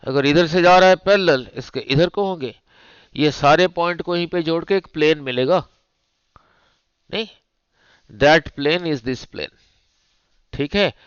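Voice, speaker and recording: A male physics teacher, lecturing slowly and repeating himself, often asking "right?" to check understanding. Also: a little high, smooth, no echo, muffled recording. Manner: slow, repetitive, checks understanding with rhetorical "nahin?". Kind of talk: classroom lecture at a board.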